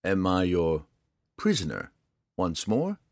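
A man voicing a guarded, weary male dark elf who speaks flatly and tersely. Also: low voice, slow, no room sound, studio quality, full character voice. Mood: dry. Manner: flat, terse.

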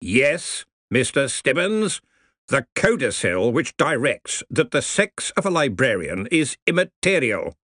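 A man voicing a pompous, hearty older head wizard who drawls slowly. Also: mid-range voice, very animated, a bit bright, dry recording, studio quality, pitched above the performer's own voice. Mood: jovial. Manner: slow, beaming, drawn-out delivery.

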